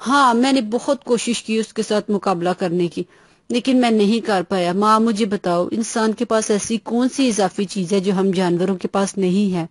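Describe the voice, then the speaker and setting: A woman's voice: medium pitch, dry recording, natural voice. A woman voicing a bold young male lion cub in a children's storybook tale. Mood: sorrowful. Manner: bold, challenging.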